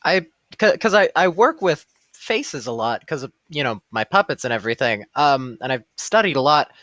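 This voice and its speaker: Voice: medium pitch, very animated, moderate pace, fairly bright tone, no echo. A tabletop game player speaking in a wry, hesitant, musing way. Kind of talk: tabletop role-play.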